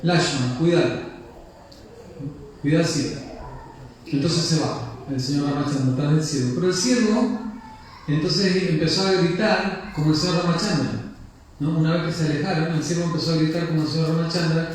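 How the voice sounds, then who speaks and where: A man's voice: fairly high pitch, a little fast, slight background noise. Man, telling stories. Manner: lively, chatty, frequent "¿no?" tags. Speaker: storyteller at a temple gathering. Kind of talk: devotional storytelling. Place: temple hall. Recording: very echoey hall, mic at a distance.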